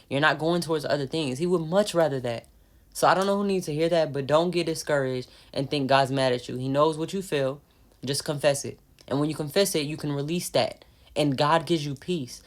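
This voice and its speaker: A woman giving an informal spoken devotional message as a faith vlogger, earnest and urging, often repeating herself and restarting phrases. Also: low voice.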